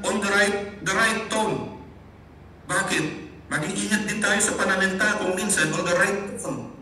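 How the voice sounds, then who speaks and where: Preaching in a high, pushed, bright voice, a pastor from the Philippines blends Tagalog and English as he teaches. He keeps addressing the congregation as his brothers and sisters. The room echoes, the mic sits far away, and a faint hiss runs underneath.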